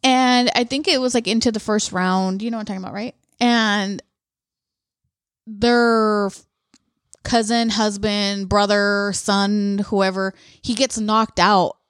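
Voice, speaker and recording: A woman co-hosting a podcast, telling lively stories in casual chat and swearing freely. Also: medium pitch, unhurried, clean tone, dry recording, studio quality. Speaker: podcast co-host.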